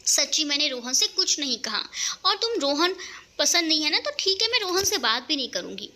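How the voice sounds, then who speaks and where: A woman's voice: high voice, big pitch swings, a little fast, sharp tone, exaggerated voice. A woman voicing an affectionate young woman who coaxes and comforts her upset best friend in a romantic audio story. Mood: coaxing. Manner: coaxing, affectionate pleading.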